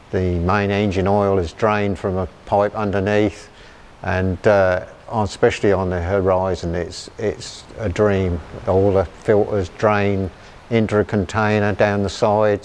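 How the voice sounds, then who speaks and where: A man's voice: on the low side, darkish tone, a little hiss or hum. An older man who operates farm sprayers, talking plainly and enthusiastically about his machine in a filmed customer testimonial, often repeating a word as he goes. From England. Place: large farm machinery shed.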